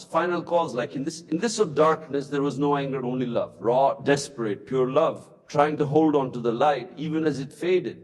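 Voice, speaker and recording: A man narrating a tragic story in a solemn, dramatic scripted style. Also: mid-range voice. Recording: long hall reverb.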